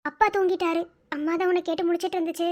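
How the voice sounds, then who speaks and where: A woman voicing a caring younger sister who calmly comforts and advises her older sister. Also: very high-pitched, very fast, voice pushed down. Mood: soothing. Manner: soothing, advising.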